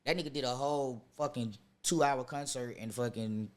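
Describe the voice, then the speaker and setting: A man's voice: mid-range voice, normal speed. A young adult man as a guest in a casual chat, laid-back yet insistent and freely profane.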